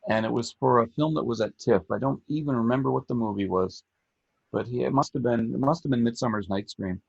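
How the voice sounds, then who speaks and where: A middle-aged man co-hosting a film podcast, telling stories in a measured, reflective way. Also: medium pitch, gravelly, a little mellow, breathy edge, dry recording. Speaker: podcast co-host, film critic. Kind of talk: casual film talk. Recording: dull lo-fi sound.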